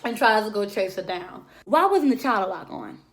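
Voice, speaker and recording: A woman's voice: mid-range voice, normal speed, slight background noise. A young woman casually recapping a TV episode, swearing freely and acting out the characters' lines. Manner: animated, acts out characters' lines. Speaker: TV recap vlogger.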